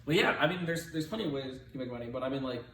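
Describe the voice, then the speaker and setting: A man's voice: medium pitch, animated, rapid-fire, pushed and bright, recorded from a distance. A loose, joking man trading banter with plenty of swearing and slang, his voice swinging up and down. He sounds set back from the mic in an echoey room with faint noise. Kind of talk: casual chat.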